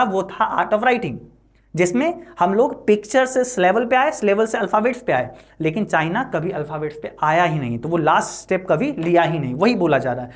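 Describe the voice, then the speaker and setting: Chatty woman teacher explaining line by line. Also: mid-range voice. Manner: constant "है ना" and "ठीक है" tag checks; reads English lines slowly, then explains. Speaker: English teacher.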